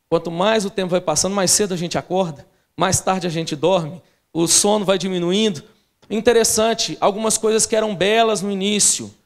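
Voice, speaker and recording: A pastor preaching a sermon, telling a personal family story with frequent asides to the congregation. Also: male voice, high voice.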